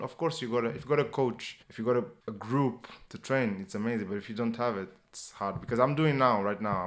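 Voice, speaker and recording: A man in his twenties from Portugal with a Portuguese accent, talking at length in an animated, casual way in English as an interview guest, often adding "you know". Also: medium pitch. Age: 20s. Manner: animated, talkative non-native English with repeated "you know". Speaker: guest, personal trainer and former sprinter. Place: indoors, interview in England.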